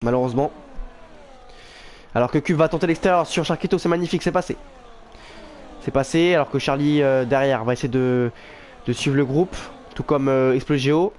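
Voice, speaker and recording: This motorsport commentator for an online sim racing league has a mid-range, somewhat dark voice. He covers the race live and informally, reacting with exclamations and musing aloud, with background noise clearly present.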